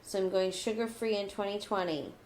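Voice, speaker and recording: This podcast co-host talks fairly quickly in a mid-range, slightly mellow voice with fairly even intonation, over a faint hiss or hum. Her casual chat rambles, full of "like," and turns into a mock newscaster impression during her cat segment.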